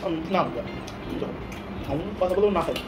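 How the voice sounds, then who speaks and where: A man's voice: sits high, lively intonation, rapid-fire, distant mic. Man talking with mouth full of noodles. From Bengal. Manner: chatty, mumbling between bites with hums. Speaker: food vlogger. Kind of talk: casual eating-show chat. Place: home, indoors. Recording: echoey room with loud music behind.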